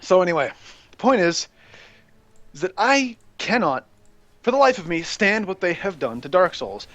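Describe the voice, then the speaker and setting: A young man hosting a rambling, excitable gaming rant that breaks into shouting while he plays. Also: high-pitched, moderate pace, no echo, muffled recording. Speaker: gaming channel host ranting.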